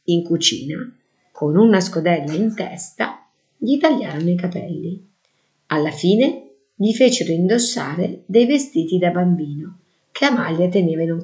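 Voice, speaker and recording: Female narrator for a children's storybook; calm, measured delivery in a lower register.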